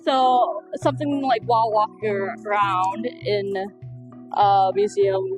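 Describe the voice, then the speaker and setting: A woman's voice: medium pitch, takes it slowly, over music, poor audio. A woman thinking aloud casually, searching for her words. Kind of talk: casual reflection.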